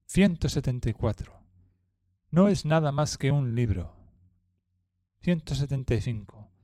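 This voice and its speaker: A man reading numbered example sentences one by one in a slow, measured lesson drill. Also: medium pitch, warm tone, dry recording, clean studio sound. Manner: reads each numbered sentence slowly and evenly. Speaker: language teacher.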